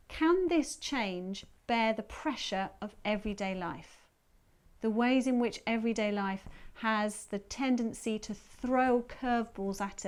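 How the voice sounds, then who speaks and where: A woman therapist calmly explaining to her viewers how she guides a visualisation session. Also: mid-range voice. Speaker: therapist and teacher.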